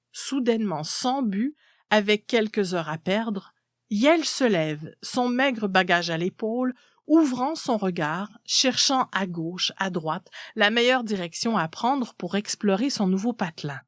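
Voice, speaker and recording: A woman narrates a literary story in an expressive reading style. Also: medium pitch, no echo, studio quality.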